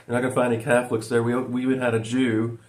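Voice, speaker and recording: A man's voice: medium pitch, little pitch movement, racing. A man in his forties from Virginia, talking to his viewers in a meandering way, full of ums and uhs, and often calling them "folks". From Virginia, USA. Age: 40s. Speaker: vlogger. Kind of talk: rambling personal monologue to viewers.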